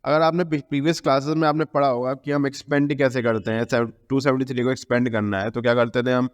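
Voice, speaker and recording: A man's voice: mid-range voice, flat delivery, fast, clear, resonant tone. Man teaching math in a reverberant room. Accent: Indian English. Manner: repeats key terms, asks and answers own questions; mixes English terms into Hindi explanation. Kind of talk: classroom lesson explanation. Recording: long reverb.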